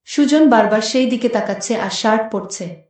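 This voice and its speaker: A woman's voice: a little high, moderate pace, darkish tone, recorded from a distance. Woman, first-person story narration, conversational, strong room echo. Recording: very echoey room.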